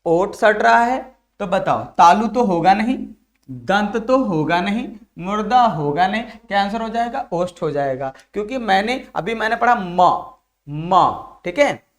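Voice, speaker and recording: Calling his viewers dear children, this man teaches Hindi grammar for an exam with a Bihari Hindi accent, asking each question over and over and then supplying the answer. His voice is high and expressive, at a normal pace.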